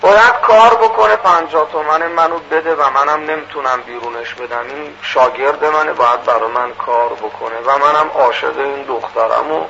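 A man voicing a distraught young man in his early twenties in a told story, speaking low and pleading, on a muffled recording with loud hiss. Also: vocal fry, few pauses.

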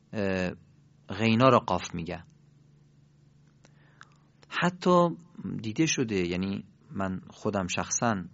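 A man's voice: mid-range voice, no echo, dull audio. Emphatic man teaching pronunciation. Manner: lively, emphatic explaining with sudden rises. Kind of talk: Quran recitation lesson.

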